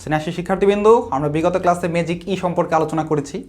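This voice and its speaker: A woman's voice: fairly low pitch, fairly even intonation, racing, darkish tone. A woman teacher giving a phonics lesson, patiently spelling out letters and asking her pupils questions.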